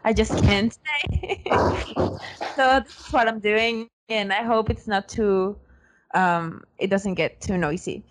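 A woman's voice: mid-range voice, steady tone, takes it slowly. A woman hosting a casual podcast chat with friends, upbeat and teasing but tired, recording while lying on her bed at home. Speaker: podcast host.

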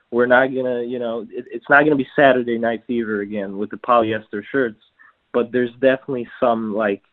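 A man talking casually about menswear in a podcast conversation, stopping and restarting his sentences often. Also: medium pitch. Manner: halting, many restarts and fillers. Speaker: customer service at a trouser maker. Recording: tinny phone-like line.

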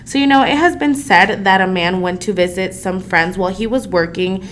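A woman's voice: medium pitch, moderate pace, a bit bright. A young woman from El Salvador, a podcast co-host, telling folk legends in a casual, conversational way with many fillers. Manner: conversational, frequent um and you know fillers. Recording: faint background noise.

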